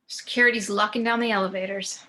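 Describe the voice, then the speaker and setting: A man's voice: sits high, fairly even intonation, fast talker, pushed and bright, pitched above the performer's own voice. A man voicing a curt, matter-of-fact female sniper.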